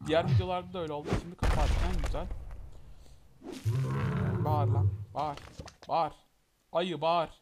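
Young guy doing let's-play commentary, voice a bit high, loud hiss behind him. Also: fairly even intonation, normal speed, long pauses. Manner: talks to the game, urging and grumbling. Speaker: gameplay commentator. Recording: loud background noise.

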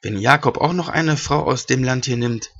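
A man reading a scripture passage aloud at a steady pace, sometimes slipping and correcting himself, and adding brief comments as a Bible teacher. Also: medium pitch, moderate pace. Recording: dull lo-fi recording.

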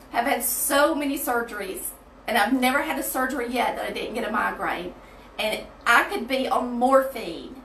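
A woman's voice: fairly high pitch, a bit bright. Southern us lady chatting thru a bible lesson, echoey bathroom, bit far from the mic. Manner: conversational, often checking with "okay?". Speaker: informal online Bible study host. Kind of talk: casual Bible teaching chat on a livestream. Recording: echoey small room, distant mic, faint noise.

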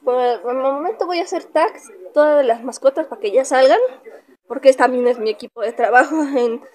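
A woman's voice: high-pitched, normal speed, a little mellow. A young woman with a Mexican Spanish accent, casually chatting in a pet vlog and cooing at her dog. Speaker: vlogger.

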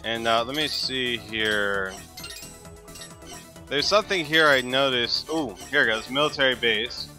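A man's voice: medium pitch, measured pace. A man giving sarcastic let's-play commentary, groaning at every hit. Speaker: gamer. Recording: commentary over loud game music.

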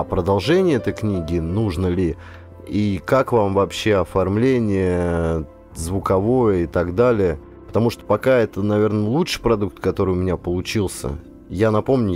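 The speaker, a man and professional actor, has a low-pitched, darkish voice. Working as an audiobook narrator with a dramatic storytelling manner, he reads from a script and later speaks to listeners directly.

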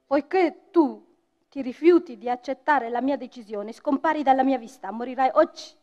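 Brief: a solemn male God of a folk tale, read by a woman, grave and measured, higher pitch, dull lo-fi sound with faint music. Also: mellow, lightly acted. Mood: stern.

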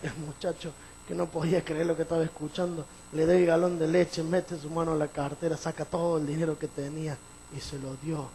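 Animated Spanish-speaking male pastor preaching. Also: on the high side, fairly quick, a little hiss or hum, poor audio. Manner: animated storytelling, voice rising to emphatic peaks. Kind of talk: sermon.

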